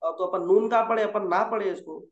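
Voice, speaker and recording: A high-pitched man speaking a little fast tutors Quran reading patiently over a call, lengthening each letter and nudging his student along. He repeats gently corrected points until they stick. The audio feels roomy and somewhat dull, like a lo-fi call.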